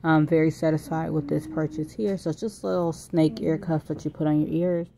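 A woman's voice: deep voice, little pitch movement, brisk, gravelly, mellow. A young woman vlogger giving a casual product review and try-on. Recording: noisy home phone recording.

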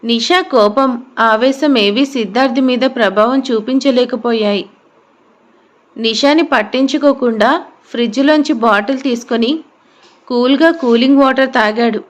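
A woman narrates a drama story with expressive delivery. Her voice sits slightly high. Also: a little slow.

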